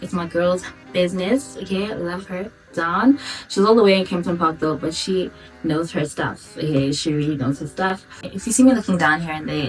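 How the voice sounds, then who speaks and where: A 28-year-old South African woman from Durban chatting informally to her viewers in a casual question-and-answer vlog. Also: on the low side. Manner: chatty, informal, girl-talk address to viewers. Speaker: vlogger. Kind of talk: casual Q&A chat to camera. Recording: distant mic, background music.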